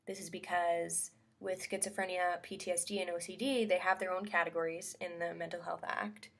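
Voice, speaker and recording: A woman's voice: on the low side, level tone, a little fast, creaky, fairly bright tone. Woman presenting a scripted opinion piece. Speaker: host of a talk segment.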